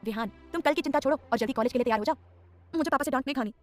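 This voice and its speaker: A woman's voice: sits high, rapid-fire, faint music behind, natural voice. A woman voicing a sweet, chirpy twenty-one-year-old girl.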